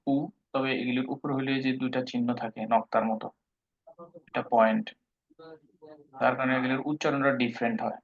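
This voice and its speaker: A man with a medium-pitched, slightly bright voice teaches a live online language class. He patiently explains pronunciation step by step, mixing in English words. The audio has the dull, lo-fi quality of an online call.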